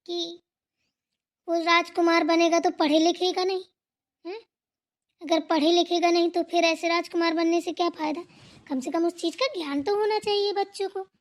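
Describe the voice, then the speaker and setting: A woman's voice: very high-pitched, a bit bright. A woman voicing a quarrelling family in a cartoon drama, with a scolding manner. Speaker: narrator voicing all characters.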